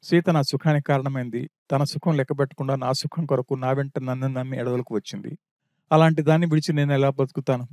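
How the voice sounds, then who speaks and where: A man reading the part of a grieving prince pours out his lament in a mellow, dark voice, one anguished question after another. The sound is dry and close, with no room around it. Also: mid-range voice, fairly even intonation, quick pace, no room sound, close to an everyday voice.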